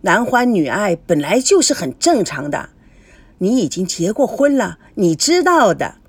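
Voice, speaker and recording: A sleazy middle-aged man coaxes and leers, voiced by a woman reading a radio story. His talk is sticky and wheedling, bouncing up and down in pitch with a breathy edge. The sound is close and dry. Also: very animated, normal speed, no echo. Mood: leering.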